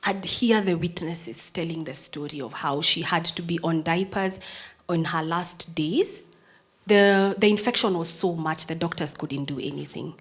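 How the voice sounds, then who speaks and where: A Kenyan-accented woman in her thirties, a prosecutor, tells a personal story to an audience in a strong, firm, husky voice that sits lowish and moves unhurriedly. She shifts between hushed, near-whispered lines and loud, emphatic ones.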